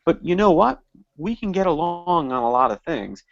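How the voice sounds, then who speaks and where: A man being interviewed on a podcast, talking in emphatic, animated bursts. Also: fairly high pitch, moderate pace, creaky, no echo. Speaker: guest, party office candidate. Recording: dull lo-fi dry sound.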